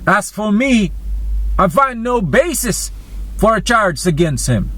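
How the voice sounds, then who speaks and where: Guy doing a roman governor in a bible drama, uneasy and emphatic, higher voice, slow declaiming. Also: very animated, a bit bright, full character voice. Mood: protesting. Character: uneasy male Roman governor pleading and challenging.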